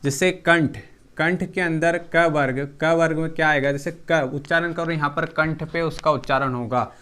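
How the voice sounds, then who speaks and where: A man teaching an exam-prep lesson, slowly repeating each term so students can write it down. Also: a little high, fairly even intonation, pushed and bright, clear, resonant tone.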